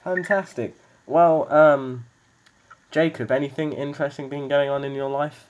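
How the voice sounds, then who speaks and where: A man's voice: fairly high pitch, steady tone, measured pace, a little mellow, dull audio. A man hosting a casual podcast game over a video call, joking and teasing his friends as he talks. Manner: playful, teasing, laughs often. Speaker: podcast host. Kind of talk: casual chat.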